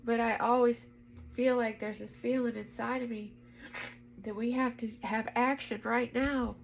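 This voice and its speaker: A woman shares a heartfelt spiritual message in a vlog, her voice somewhat high and gravelly. She speaks with emotion and earnest urgency, pressing her listeners to act. A faint hum sits behind her. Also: steady tone, measured pace, low-quality recording. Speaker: spiritual vlogger.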